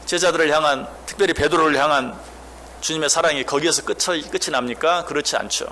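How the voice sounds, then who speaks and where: Preacher: male pastor, somewhat high voice, sermon delivery with rhetorical questions, faint church room noise. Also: fast talker, bright, forceful tone. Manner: asks the congregation questions, acts out quoted speech.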